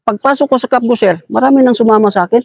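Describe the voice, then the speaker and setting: Gravelly, high-voiced man testifying earnestly. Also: rapid-fire, darkish tone, dry recording. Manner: earnest, addresses interviewer as sir repeatedly; angry and emphatic when recounting abuses. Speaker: interviewee, militia member. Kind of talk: conversational testimony.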